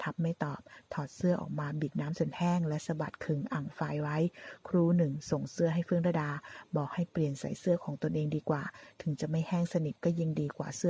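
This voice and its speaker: A woman reading out a story retelling, at a slow, even pace. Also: low-pitched, breathy edge. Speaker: storyteller retelling a drama episode. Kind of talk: read-aloud story narration.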